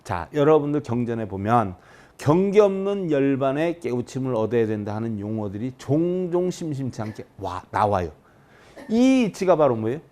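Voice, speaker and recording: Lively, questioning male Buddhist lecturer. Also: normal speed. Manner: keeps asking the listeners rhetorical questions; sharp swings between loud high emphasis and soft low drops. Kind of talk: dharma lecture to an audience.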